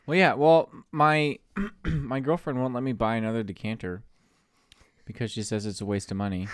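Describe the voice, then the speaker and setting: A man's voice: mid-range voice, fairly even intonation, moderate pace, smooth, no room sound, clean studio sound. Tipsy man joking in podcast banter. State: tipsy from whiskey. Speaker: podcast co-host. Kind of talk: casual chat.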